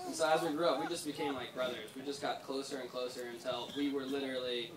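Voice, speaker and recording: A man's voice: medium pitch, fairly even intonation, fast talker, distant mic. A young man in his twenties giving a best man toast at a wedding, telling rambling stories with lots of "like" fillers. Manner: rambling, storytelling with frequent "like" fillers. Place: large hall at a wedding reception. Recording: echoey hall, chattering crowd.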